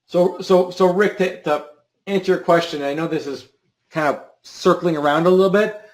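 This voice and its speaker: Male host on a live trading stream, fairly high voice, talks off the cuff, trips over his words, echoey room. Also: normal speed. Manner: repeats words and restarts often, thinking aloud. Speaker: options trading show host.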